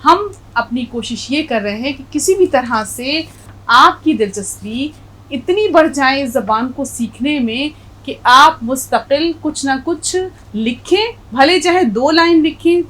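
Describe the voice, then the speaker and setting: A woman's voice: sits high, animated, slow pace, fairly bright tone, low-quality recording. A middle-aged woman teaching a language lesson, patiently spelling out letters and stressing correct pronunciation. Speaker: Urdu teacher.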